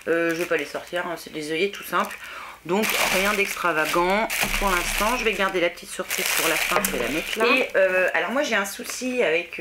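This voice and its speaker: A woman's voice: lowish voice, very noisy. A young woman chatting casually through an unboxing, self-deprecating, with many fillers. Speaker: beauty vlogger.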